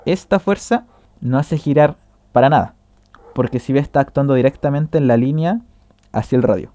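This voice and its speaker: A man's voice: medium pitch, warm tone, dry recording. A man explaining a tutorial in a casual way, walking through a drawing step by step and correcting himself as he goes.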